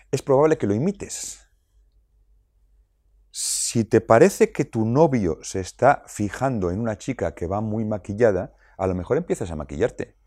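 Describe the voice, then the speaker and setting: A man speaking about child rearing gives parents a lively, explanatory talk in a low voice. He asks rhetorical questions and acts out little quotes. The sound is dry and close, with no room sound.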